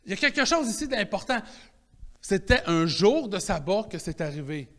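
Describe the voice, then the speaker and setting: A man with a Quebec French accent preaching a sermon in a conversational, animated way, restarting his phrases often. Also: sits high, moderate pace. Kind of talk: sermon teaching.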